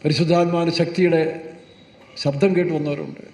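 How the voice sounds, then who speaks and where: High-voiced pastor scolding in a hall. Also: male voice, fairly even intonation, fairly quick, darkish tone. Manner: scolding, rhetorical questions to the congregation. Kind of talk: sermon. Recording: echoey hall, mic far off.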